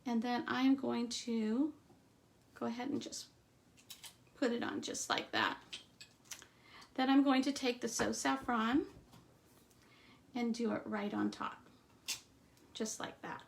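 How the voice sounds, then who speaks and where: A woman giving a live stamping demonstration, chatting through each step and trailing off into quiet asides. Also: fairly high pitch, lively intonation, slow pace, gravelly, long pauses, slight background noise. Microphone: streaming setup at a craft table.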